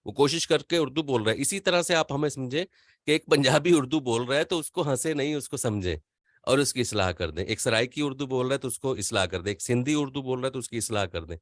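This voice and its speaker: A man's voice: mid-range voice, expressive, no echo, clean studio sound. An older man whose first language is not Urdu gives an online voice-over class, earnest and rambling. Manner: earnest, rambling, drops into quick impressions. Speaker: voice-over teacher.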